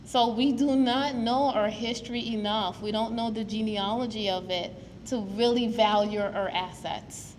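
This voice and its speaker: A woman's voice: a little high, steady tone, a little slow, few pauses. A woman from Guyana gives an earnest, storytelling public talk to an audience as a preservation advocate at a museum. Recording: long hall reverb, faint noise.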